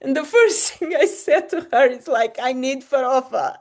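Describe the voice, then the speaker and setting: A Portuguese woman hosts a podcast, chatting casually and rambling, laughing and cutting herself off, as she's short on sleep. Her voice sits high and sounds expressive at normal speed.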